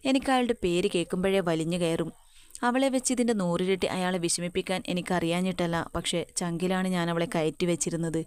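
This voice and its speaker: A man's voice: sits high, smooth, natural voice. A woman voicing a brooding, stubborn young man with a bitter edge in a spoken story.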